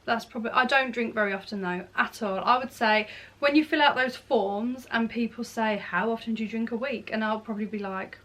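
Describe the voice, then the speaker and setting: A woman's voice: a little high, a little fast, a bit bright. A woman of thirty chatting casually to camera in a Q&A vlog, rambling and correcting herself as she goes. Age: 30s. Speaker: beauty and lifestyle vlogger.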